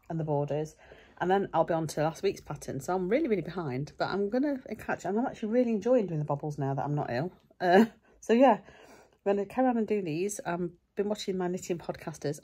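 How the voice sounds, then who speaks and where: A middle-aged woman vlogs at home and in her back garden, talking casually to a handheld camera as she rambles through her day. Her voice sits on the low side, mellow and slightly rough, and her manner is chatty, rambling and self-deprecating.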